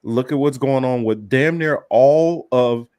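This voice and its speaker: A man's voice: mid-range voice, unhurried, darkish tone, clear, resonant tone, no room sound. A man co-hosting a casual political talk, rambling and emphatic, with many fillers and restarts. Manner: heated, emphatic. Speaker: podcast co-host.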